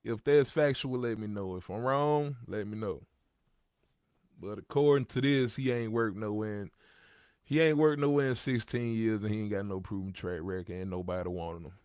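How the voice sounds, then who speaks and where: This livestream host is a man in his 30s whose gravelly voice sits on the low side, a little mellow, at a moderate pace. He talks conversationally with street slang and repeats his points; the recording is dry and clean, studio quality.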